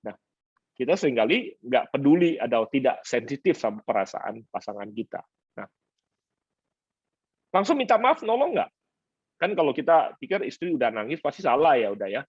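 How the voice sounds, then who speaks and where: A male pastor teaching a conference session, lively and animated, mixing in English words and acting out quoted couples. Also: a little fast, slightly rough, no echo, highs cut off. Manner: lively, acts out quoted couples in higher voices; mixes English words into speech. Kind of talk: seminar teaching talk. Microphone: conference stream.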